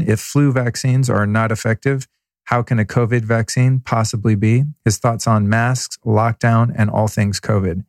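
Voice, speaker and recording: A man with a fairly low voice hosts an interview show. He introduces the conversation and poses questions, recorded close and dry. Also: a little mellow, dry recording. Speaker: podcast host.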